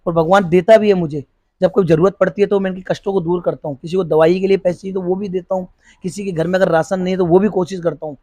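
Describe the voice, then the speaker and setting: A man's voice: high-pitched, fairly even intonation, fast talker, warm tone, no room sound. A middle-aged man, a police officer who runs a school, answering interview questions earnestly, often restarting his sentences. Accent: Hindi. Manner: earnest, repeats and restarts while searching for words.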